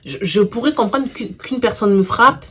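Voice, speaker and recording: A woman casually telling a personal story for her vlog, animated and slangy, full of fillers, getting louder and more intense as the tale heats up. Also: medium pitch, moderate pace, very noisy. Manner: gets louder and more intense while recounting the fight.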